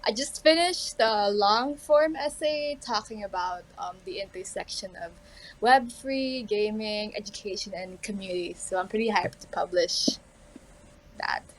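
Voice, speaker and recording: A woman's voice: mid-range voice, unhurried, a little hiss or hum, low-quality recording. Upbeat woman podcast guest. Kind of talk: casual interview.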